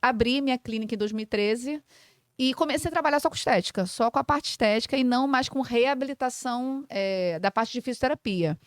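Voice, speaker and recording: A brisk, slightly high-pitched woman speaks in a dry recording. The forty-something Brazilian clinic owner and physiotherapist chats casually on a podcast, teaching about treatments through simple comparisons and a steady stream of fillers.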